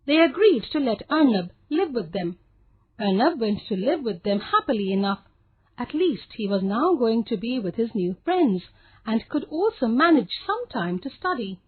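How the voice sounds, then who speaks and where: A woman with an Indian English accent reads a textbook story aloud, clear and expressive. Her voice sits high and rises and falls a lot. The sound is dry and close to the mic. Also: no echo, phone-quality sound. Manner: clear, expressive, measured reading. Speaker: textbook audio narrator.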